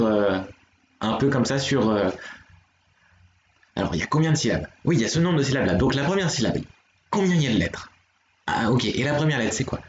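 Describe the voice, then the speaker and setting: A man's voice: medium pitch, slight background noise. Patient man teaching on a live stream. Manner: patient, explanatory, talks to chat viewers. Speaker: streamer teaching Korean writing. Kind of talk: live-streamed language lesson. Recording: dull, roomy home stream audio.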